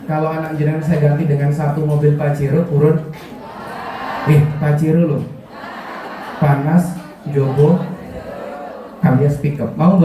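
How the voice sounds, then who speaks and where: A man from Kulon Progo, Yogyakarta, Indonesia, with a Javanese accent and a fairly high, mellow voice, gives a joking religious parenting talk to parents in a school hall. He often quizzes them with questions, and he is recorded from afar in a very echoey hall.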